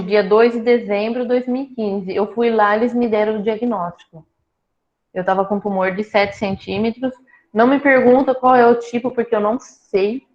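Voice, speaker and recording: A woman telling her own cancer story in a casual talk, lively and joking as she acts out what people said. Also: mid-range voice. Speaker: breast cancer patient sharing her story. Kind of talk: casual conversation. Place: small town in Brazil. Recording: dull lo-fi sound.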